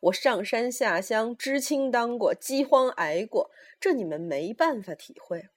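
A woman voicing a fierce, sharp-tongued woman near seventy who scolds loudly and shouts at the young people around her. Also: fairly high pitch, lively intonation, measured pace. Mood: scolding.

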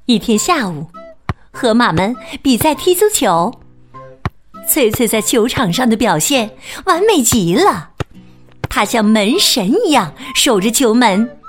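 Slow, sing-song woman storyteller. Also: fairly high pitch, sing-song, faint music behind. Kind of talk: children's story reading.

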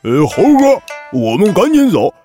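A woman's voice: on the low side, big pitch swings, normal speed, warm tone, faint music behind, pitched below the performer's own voice. A woman voicing a greedy, eager pig disciple, in a children's story. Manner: eager, whiny.

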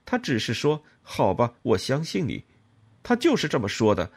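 A male reader voices a self-pitying lover who explains and pleads in earnest. The voice is husky and close to the reader's own, with lively rises and falls in pitch. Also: moderate pace, full character voice. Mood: pleading.

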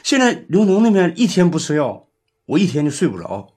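A grumbling, worried village deputy. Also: male voice, on the high side, sing-song, a little fast, darkish tone. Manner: grumbling, complaining.

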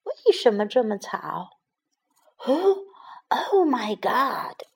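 A woman's voice: on the high side, sing-song, drawn-out words, vocal fry, breathy edge, heavily acted. A woman doing a cocky storybook rabbit. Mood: startled. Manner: bilingual lines, English then Chinese. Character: boastful male rabbit, quick and cocky.

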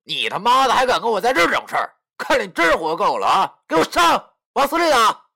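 A man voicing an arrogant young male street thug who swaggers, curses and shouts threats. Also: extremely high pitch, wildly swooping pitch, fast, vocal fry, voice pushed up, full character voice. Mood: furious.

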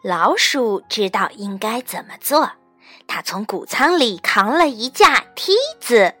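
A woman reading a children's story aloud in a gentle, expressive way. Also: a little high, unhurried, dry recording. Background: faint background music.

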